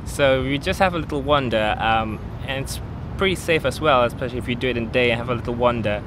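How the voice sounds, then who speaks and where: A man from Singapore talks loosely about student life, his sentences full of small hedging fillers. A steady rumble runs under his voice throughout. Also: fast. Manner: casual, peppered with "sort of" and "like". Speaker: PhD student. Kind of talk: interview testimonial.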